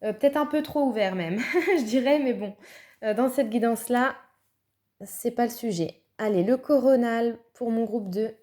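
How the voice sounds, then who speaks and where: A woman's voice: fairly high pitch, normal speed, darkish tone. Chatty woman reading cards. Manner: chatty, thinks aloud with fillers and little laughs. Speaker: tarot reader. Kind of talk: casual spoken card reading.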